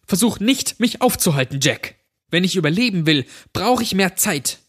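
A man's voice: lively intonation, normal speed, fairly bright tone, slightly rough, full character voice. A man doing a defiant schoolgirl in a story. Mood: determined. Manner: higher, girlish put-on voice. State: crying. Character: mischievous scheming teenage girl, defiant.

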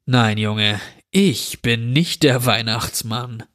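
A man's voice: mid-range voice, slow pace, a bit bright. A man doing a drawling sinister stranger. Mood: mocking. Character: menacing drawling male intruder who grants wishes.

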